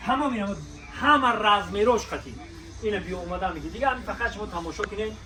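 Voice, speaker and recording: A man's voice: high-pitched, low-quality recording. A man with a Tajik accent giving spontaneous, repetitive sales patter like a bazaar merchant, calling people to come, look and buy. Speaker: shop promoter presenting clothing deals. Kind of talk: spontaneous sales patter on a shop walk-through. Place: inside a large clothing shop. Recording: busy crowd noise around the voice.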